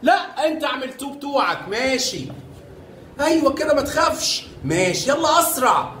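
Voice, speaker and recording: Egyptian male primary teacher, fairly high voice, coaxing and full of praise, echoey classroom with faint noise. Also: big pitch swings, normal speed, bright, forceful tone. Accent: Egyptian Arabic. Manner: coaxing, showers children with praise and pet names. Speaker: primary school math teacher. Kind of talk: classroom teaching with young children.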